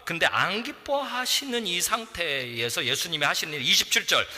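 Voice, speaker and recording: A middle-aged man preaching a sermon as a pastor in a church, animated, acting out voices and shouting at times. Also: high voice, normal speed. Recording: long church reverb.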